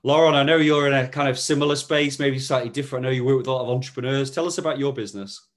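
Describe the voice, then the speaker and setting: A man hosting a business podcast, reading an upbeat intro and then leading the interview with lively, promotional enthusiasm. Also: mid-range voice, racing. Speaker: podcast host.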